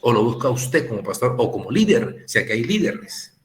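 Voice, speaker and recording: A man's voice: mid-range voice, moderate pace. A man teaching a ministry course, lecturing with many rhetorical questions and acting out what people say. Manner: animated, rhetorical questions, acts out quoted remarks. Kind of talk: classroom lecture.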